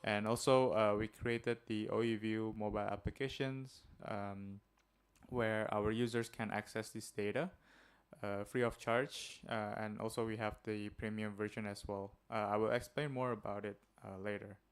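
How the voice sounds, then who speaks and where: A man's voice: on the low side, little pitch movement, moderate pace, clean tone. A man from Indonesia with an Indonesian accent, giving a friendly workshop presentation with many filler uhs. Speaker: guest presenter. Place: seminar room.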